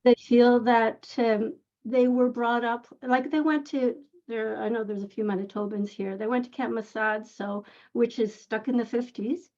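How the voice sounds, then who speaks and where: Gravelly-voiced woman asking an earnest question. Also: on the high side, fairly even intonation, moderate pace, hardly any pauses, mellow. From Israel. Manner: earnest, rambling, with restarts. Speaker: audience member asking a question. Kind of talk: conversational question on a video call. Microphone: video call. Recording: lo-fi video call audio.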